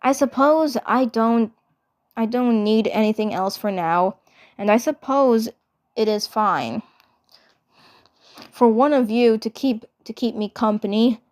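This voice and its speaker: A woman's voice: a little high, a little slow, pauses often, darkish tone, natural voice. A woman voicing an arrogant male cartoon alien invader who is flustered, grudging and stammering. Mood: grudging, overwhelmed.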